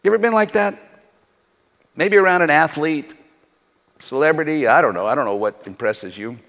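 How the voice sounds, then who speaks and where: A man preaching a sermon, asking the crowd rhetorical questions and leaving dramatic pauses. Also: on the high side, creaky, fairly bright tone, big-room sound. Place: church hall.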